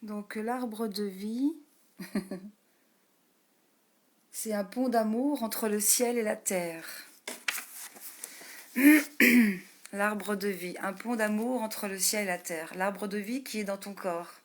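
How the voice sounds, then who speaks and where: Her voice, she says, is low: a woman energy healer and meditation host leads a live stream, welcoming viewers by name at a gentle, slow pace. She laughs frequently and now and then falls into soft whispers.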